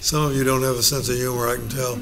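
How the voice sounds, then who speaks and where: A man's voice: mid-range voice, flat delivery, quick pace, a bit bright. A middle-aged male pastor leading a Bible study, folksy and joking, acting out little quotes.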